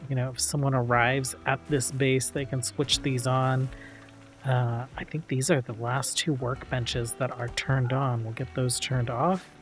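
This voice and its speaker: A man hosting a let's play, calmly thinking aloud with frequent fillers as he plays a strategy game. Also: mid-range voice. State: hiccups. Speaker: gaming channel host.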